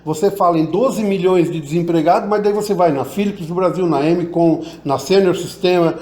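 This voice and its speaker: A man's voice: high voice, normal speed, dark tone. A man who teaches public speaking, giving tips as an interview guest and demonstrating vocal emphasis, with a Southern Brazilian Portuguese accent. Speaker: oratory teacher. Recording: echoey room.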